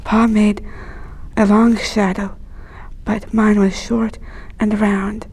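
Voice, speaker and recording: A woman reading a children's story aloud in a hushed, breathy, whispery storytelling voice. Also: mid-range voice, little pitch movement, takes it slowly, slight background noise.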